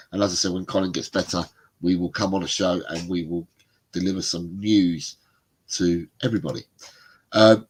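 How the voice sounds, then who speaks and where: On a rough recording, a bunged-up middle-aged man with a low, husky voice co-hosts a football fan livestream. He reads out viewer comments in a casual, rambling way, chatting freely and laughing often.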